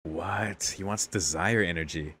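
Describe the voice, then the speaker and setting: A man's voice: sits low, measured pace, fairly bright tone, breathy edge. A young man hosting a casual anime reaction, exclaiming candidly, often laughing and swearing. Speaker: anime reaction channel host.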